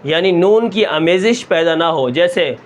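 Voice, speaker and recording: A man teaching Quran recitation step by step, asking questions and answering them himself, and stretching sounds slowly to show them. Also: a little high, animated. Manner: asks the class a question, then answers it himself; draws out sounds long and slow to show them.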